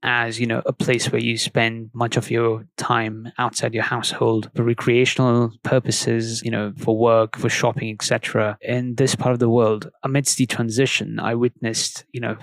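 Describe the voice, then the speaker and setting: A man in his twenties, raised in the UAE, speaks as a podcast guest. His delivery stays flat and steady as he explains ideas at an unhurried pace. The sound is dry, with no room echo. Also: medium pitch. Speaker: guest urban planner. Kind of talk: podcast interview.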